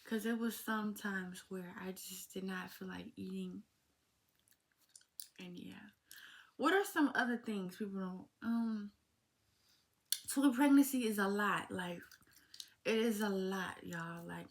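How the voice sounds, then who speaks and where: Slow-talking teenage woman, casual vlog. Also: medium pitch. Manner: talks slowly, informal and heartfelt, addresses viewers as y'all. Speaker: vlogger. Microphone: phone.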